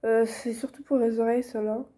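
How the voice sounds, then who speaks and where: Chatty young woman, mellow voice. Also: a little high, flat delivery, brisk, a little hiss or hum. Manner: chatty, many fillers and restarts. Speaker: vlogger teaching reborn doll painting. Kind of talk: casual tutorial chat.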